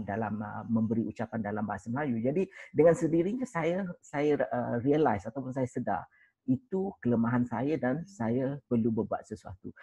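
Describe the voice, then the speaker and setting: A man from Malaysia, speaking as a panel guest in a discussion and pausing often to search for words. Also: medium pitch, mellow, breathy edge, no echo, poor audio.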